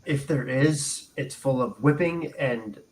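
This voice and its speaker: A man's voice: medium pitch, slow pace, darkish tone, low-quality recording. A man playing in a tabletop role-playing game, speaking in casual in-character banter. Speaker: player in a tabletop game show.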